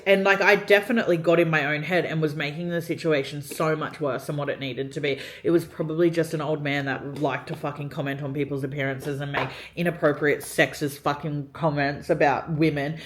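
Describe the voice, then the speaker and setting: A woman's voice: sits low, steady tone, normal speed, a little hiss or hum. Chatty, swearing young woman vlogger. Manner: chatty, heavy swearing, many "like" fillers. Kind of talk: get-ready-with-me storytime.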